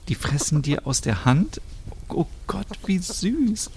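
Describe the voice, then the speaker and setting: A man as a sweet young woman who gushes, slow and a bit gravelly. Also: mid-range voice, animated, a little hiss or hum. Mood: gushing. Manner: gushing and soft-hearted. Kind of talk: voicing characters in a narrated story.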